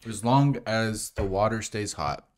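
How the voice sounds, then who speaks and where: Young man, fairly low pitch, informal chat, podcast co-host, studio table microphone. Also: animated, a little slow. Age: young adult. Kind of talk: casual chat. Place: small indoor studio with padded walls.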